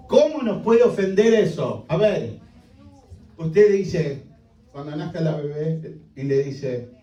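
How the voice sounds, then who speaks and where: Slow, mellow-voiced preacher man in echoey hall. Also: sits high. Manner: emphatic, full of rhetorical questions. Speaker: pastor. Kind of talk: sermon. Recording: echoey hall, distant mic.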